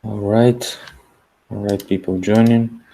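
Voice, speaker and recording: Deep-voiced man hosting a stream. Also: fairly even intonation, mellow. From Russia. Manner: halting, with slightly broken English. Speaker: host. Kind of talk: live stream chat.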